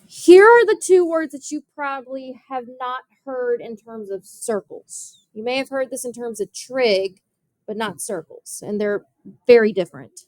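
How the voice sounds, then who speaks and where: A woman's voice: on the high side, animated, measured pace, darkish tone. A young woman math teacher giving a classroom geometry lesson, explaining step by step and often asking her students questions.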